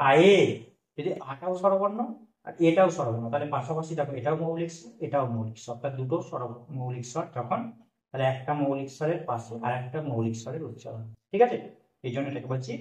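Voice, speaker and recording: A male teacher explains a grammar lesson step by step, asking questions and answering them himself. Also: on the high side. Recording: echoey room, mic at a distance.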